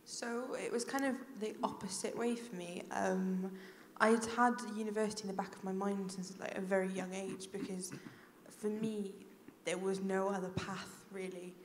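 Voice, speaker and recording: Heard in an echoey hall with faint noise, a young woman with a Welsh Valleys accent talks to an audience. Her pitch stays even and her manner is informal and self-deprecating. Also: normal speed. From South Wales Valleys. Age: early 20s. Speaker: panel speaker, final-year student. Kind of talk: informal panel talk to an audience.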